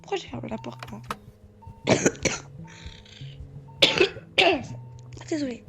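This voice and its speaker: A woman commentating her game in a chatty, hoarse voice, stammering and bursting into loud outrage at times. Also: a little high, a little fast. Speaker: gaming YouTuber. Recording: loud game music behind.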